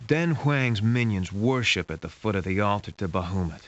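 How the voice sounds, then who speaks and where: A man with a lowish, expressive voice speaks at a normal pace as the lead character and narrator of a sci-fi adventure game, lightly acting the part of a wry hard-boiled detective. His scripted noir delivery is dry and dramatic, with an ominous yet matter-of-fact mood. The game audio is muffled and lo-fi, with hiss.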